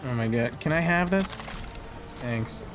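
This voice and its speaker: Over video game gunfire, game noise and background music, a male streamer talks to his viewers with playful, casual commentary as he plays. His mid-range voice has lively intonation and a slightly slow pace.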